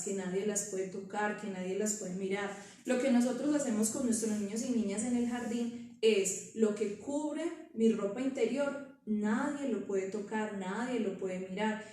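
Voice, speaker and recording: A woman's voice: medium pitch, dark tone. A woman, an early childhood educator giving a conversational training talk to parents, often asking rhetorical questions. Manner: conversational, asks rhetorical questions with frequent "¿cierto?". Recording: very echoey room from far off.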